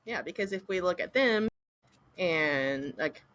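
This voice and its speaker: A woman's voice: fairly low pitch, expressive, measured pace, fairly bright tone, rough recording. A woman in a casual group conversation, speaking in a wry, thoughtful way. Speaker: medium in group session.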